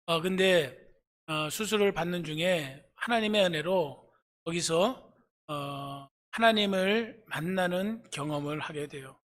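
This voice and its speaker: A male pastor preaching a sermon, telling stories with lively acted-out dialogue. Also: on the high side, measured pace. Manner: animated storytelling, acting out dialogue. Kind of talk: sermon with storytelling. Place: church sanctuary. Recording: long reverb of a church hall.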